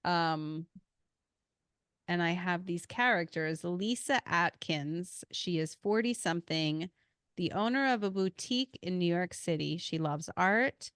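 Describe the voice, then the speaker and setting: A woman's voice: lowish voice, a little slow, fairly bright tone, clean tone, no room sound, studio quality. A woman hosting a podcast in casual chat, talkative and self-deprecating. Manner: chatty, self-deprecating, laughs often. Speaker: podcast host.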